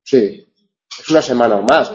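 A man's voice: medium pitch, moderate pace, a little mellow, dull audio. A man teaching a university class, wry and digressive, often restarting his sentences. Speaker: university tutor. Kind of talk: classroom lecture with questions.

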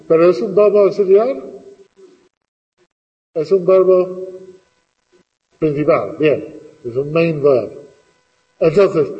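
A man's voice: a little high, long reverb tail, muffled recording. A middle-aged man teaching a classroom lesson, patiently asking questions and repeating the students' answers.

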